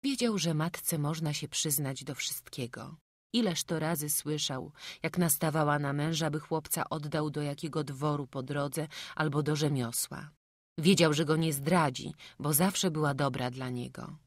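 A woman narrating an audiobook in a calm, even reading voice, recorded close in a studio. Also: deep voice, unhurried, no room sound. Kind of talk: scripted narration. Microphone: close studio mic.

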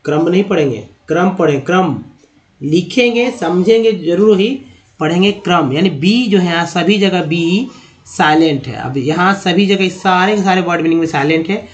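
Middle-aged male teacher, a touch high-pitched, drills words over and over and asks then answers his own questions. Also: moderate pace. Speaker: English teacher. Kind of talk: classroom-style lesson on pronunciation.

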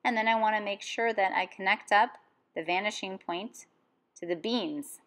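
A woman art teacher giving calm, step-by-step instructions in a drawing lesson voice-over. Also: mid-range voice, moderate pace.

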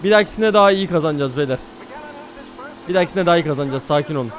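A man streaming a racing game live, chattering excitedly, swearing often and talking to his chat. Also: a little high, rapid-fire. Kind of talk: live gameplay commentary.

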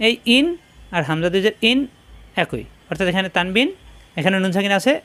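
A man teaching Quran reading in a spoken lesson, patiently repeating each letter sound slowly for practice. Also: high voice, animated, a bit bright, smooth. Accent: Bangladeshi Bengali.

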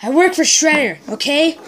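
A woman improvising a toy-figure play, voicing every character and whispering prompts to a partner. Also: on the high side. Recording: steady background hiss.

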